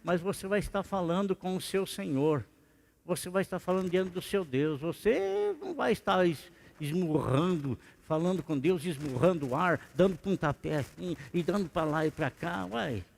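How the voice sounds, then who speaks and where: High-voiced pastor in a reverberant hall. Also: male voice, lively intonation, normal speed, vocal fry. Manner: conversational preaching with rhetorical questions. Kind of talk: sermon. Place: church sanctuary.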